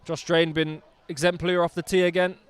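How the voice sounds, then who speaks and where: Upbeat rugby commentator man, clear voice. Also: on the high side, level tone, a little fast. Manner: chatty, enthusiastic, jokey asides. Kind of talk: live sports commentary. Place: outdoors at a rugby ground.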